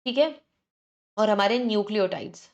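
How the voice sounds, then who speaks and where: Woman giving a brisk revision lecture. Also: medium pitch, muffled recording. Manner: brisk, repeats "ठीक है" to check in, self-correcting; mixes English terms into Hindi explanation. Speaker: teacher.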